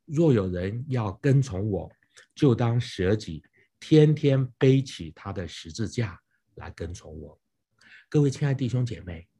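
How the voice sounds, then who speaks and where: A man's voice: on the low side, warm tone, breathy edge. A man preaching a sermon, explaining scripture with rhetorical questions and frequent fillers.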